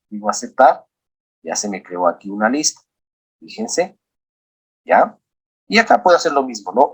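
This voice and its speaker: Husky guy teaching a class, narrates every click, keeps saying look here. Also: mid-range voice, rough recording. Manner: walks through steps aloud, often prompting "look here". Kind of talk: screen-recorded software lesson.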